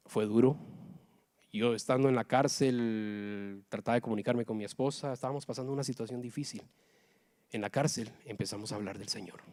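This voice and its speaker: In church, a middle-aged man from Guatemala gives a heartfelt personal testimony with a mid-range voice. His volume shifts between hushed tones and loud outbursts.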